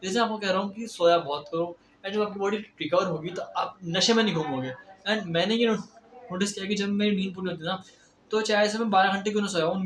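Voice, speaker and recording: High-voiced young man, rushed advice. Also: fairly bright tone, a little hiss or hum. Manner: rushed, admits talking fast and stressed, with Hindi-English mixing. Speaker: self-improvement vlogger. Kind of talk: casual motivational advice vlog. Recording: roomy echo.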